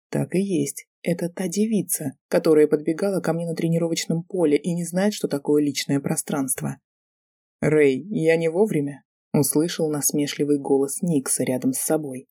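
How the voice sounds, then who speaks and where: Woman narrator, audiobook, mellow tone, husky, dry close sound. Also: deep voice, no echo. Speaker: audiobook reader.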